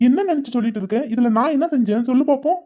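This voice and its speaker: Pleading young cartoon guy with a mellow, warm tone, woman doing him, highish voice. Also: expressive, very fast, slight background noise. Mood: angry. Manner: pleading, then sharp and threatening. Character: young man, pleading and hot-tempered lover.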